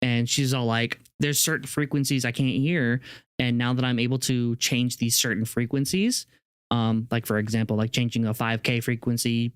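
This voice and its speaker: Rambling young man, smooth and dry. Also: medium pitch, moderate pace, no room sound. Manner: rambling, animated, many fillers. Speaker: podcast co-host. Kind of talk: casual chat.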